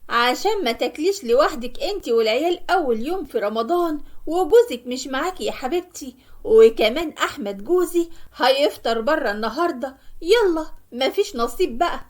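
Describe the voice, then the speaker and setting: A woman voicing a sharp-tongued, stingy sister with an Egyptian Arabic accent, speaking in a scolding, snappish way. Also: sits high, expressive, fairly quick. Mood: friendly.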